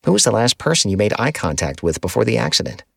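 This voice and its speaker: A man's voice: on the low side, sing-song, fast, creaky, a bit bright, no room sound, clean studio sound, heavily acted. A man voicing an inquisitive teenage boy in an audiobook, in a plain questioning tone. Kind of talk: audiobook character voice.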